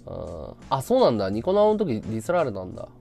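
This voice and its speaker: A man live-streaming a casual chat, blunt and ranting, swinging from loud outbursts to low mutters. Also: huge pitch swings, fast, gravelly, faint music behind.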